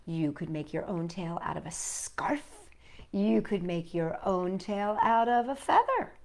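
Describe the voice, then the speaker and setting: In a fairly low, darkish voice with lively intonation and a slightly slow pace, a woman reads children's stories and poems expressively. She hosts the storytime and addresses young listeners directly.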